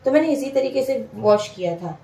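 A woman's voice: a little high, expressive, moderate pace, vocal fry, mellow. Chatty woman vlogging in an echoey kitchen. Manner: chatty, explains each step to viewers. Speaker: home cook vlogger. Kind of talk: casual cooking vlog narration. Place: home kitchen. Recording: echoey kitchen, mic far off.

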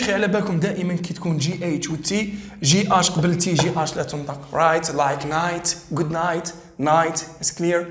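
An Algerian man teaching English for an exam, reading sentences slowly and repeating words to drill pronunciation. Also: sits high, a bit bright, echoey room. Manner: switches between English and dialect, reads English slowly and drills pronunciation. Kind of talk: exam-prep lesson.

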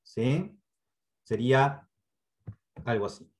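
A man with a Uruguayan accent gives a patient online training lecture, repeating key points and often checking in with a quick "¿sí?". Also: medium pitch, lively intonation. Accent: Uruguayan Spanish. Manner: checks in with frequent "¿sí?"; hesitant fillers and restarts. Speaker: instructor. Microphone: computer mic on a video call.

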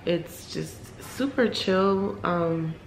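A young woman vlogging casually at home about her wellness routine, relaxed and chatty with loose fillers. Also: fairly low pitch, drawn-out words, slight background noise. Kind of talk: casual vlog chat. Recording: roomy echo, faint room ambience.

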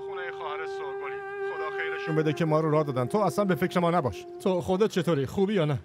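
A man's voice: on the high side, music in the background, natural voice. A man dubbing an emotional older uncle in a drama series. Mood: tender. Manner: emotional, tearful on the phone. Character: aging, soft-hearted uncle, grumbling at his wife. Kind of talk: Persian dub of a drama series.

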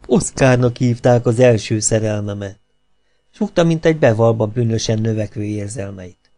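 A man's voice: on the low side, dark tone, natural voice. Man voicing a coy young actress. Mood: wistful.

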